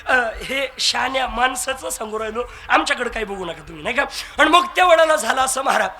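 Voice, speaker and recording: This man has a very high, creaky voice with a sharp tone, and he talks fast and animatedly. He's preaching a devotional kirtan sermon, telling humorous stories, acting out dialogue, and asking the crowd to agree with him.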